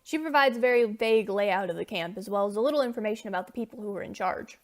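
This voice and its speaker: Brisk, fast woman narrator. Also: mid-range voice. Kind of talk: scripted story narration.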